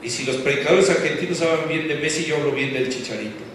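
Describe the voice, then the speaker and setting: This fast-talking pastor, his voice on the high side, gives an emphatic sermon full of questions to the congregation and football comparisons. The church hall audio is echoey, recorded from far off, with faint background noise.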